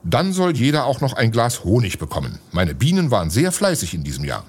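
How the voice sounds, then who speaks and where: A man's voice: medium pitch, wildly swooping pitch, brisk, a little mellow, husky, pitched above the performer's own voice. A man voicing a friendly, generous male baker in a storybook, speaking eagerly. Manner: eager, chiming-in speech.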